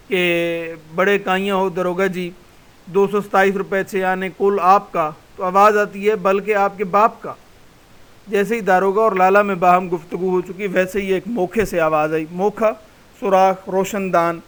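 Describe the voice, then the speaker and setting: A man's voice: high-pitched, fairly bright tone, clean tone, poor audio. A man, a college lecturer, reading a passage aloud in a recorded class and explaining it word by word.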